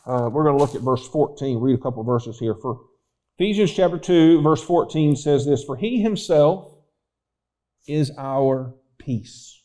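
A man's voice: medium pitch, lively intonation, normal speed, mellow, rough recording. A man preaching a sermon as pastor, telling stories and acting out voices in them. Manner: storytelling, acts out voices in anecdotes. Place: church.

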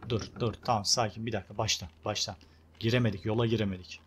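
A young man casually commenting on his own gameplay, chatty and excitable, talking to his viewers and urging on the game character. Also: on the low side, quick pace, noisy background. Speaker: gameplay video host. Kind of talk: casual let's-play commentary.

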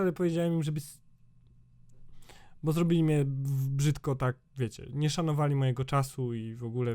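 A man's voice: fairly high pitch, darkish tone. A man in his twenties with a sore throat, ranting casually in a vlog, rambling with lots of fillers and swearing. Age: 20s. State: sore throat, slightly changed voice. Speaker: YouTuber.

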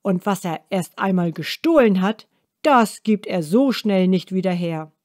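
A woman voicing a gentle male bear in a children's storybook reading, in her own soft, unhurried voice. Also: medium pitch, expressive, no room sound, clean studio sound, close to an everyday voice. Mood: worried.

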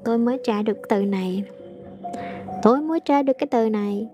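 A woman English teacher, translating aloud slowly in a casual lesson with frequent hesitations. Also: fairly high pitch, over music.

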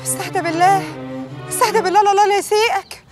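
High, fast village woman. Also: fairly even intonation, over music. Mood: pleading. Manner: scolding, coy protests. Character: sharp-tongued village woman, pious and defiant. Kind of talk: television drama acting.

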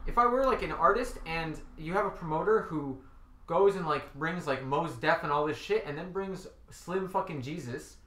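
A man's voice: a little high, normal speed. Blunt ranting man in an echoey room. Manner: blunt, profane, animated rants. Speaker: podcast guest. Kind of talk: casual podcast chat. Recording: roomy echo.

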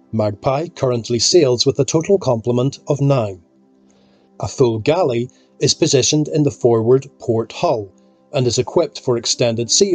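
A man narrates a technical documentary in a calm, measured delivery. His voice has a slightly husky edge at an ordinary middle pitch. Soft music runs faintly beneath the voice-over.

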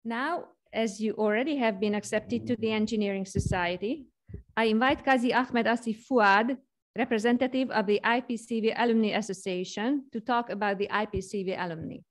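A woman with a fairly high voice reads out graduates' names one by one at a ceremony. Her delivery is formal and measured. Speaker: ceremony host.

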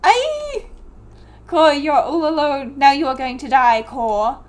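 A scheming storybook crow, put on by a woman who breaks up his boasts with croaking caws. The voice sits high, and the delivery stays playful. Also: expressive, takes it slowly. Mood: gloating. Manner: croaks caw sounds between phrases. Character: cawing scheming male crow pest.

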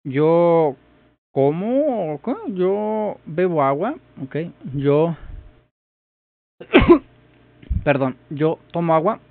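Slow, hesitant man with a tinny sound. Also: fairly high pitch, animated, gravelly, dry recording. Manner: hesitant, repeats phrases while puzzling them out. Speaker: vlogger learning a language. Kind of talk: casual thinking-aloud commentary.

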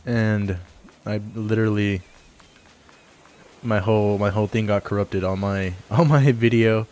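A man's voice: fairly low pitch, steady tone, unhurried, a little mellow. A young man giving laid-back, rambling let's play commentary as a game streamer, with casual swearing. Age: young adult. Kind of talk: casual let's play commentary, some dialogue read aloud.

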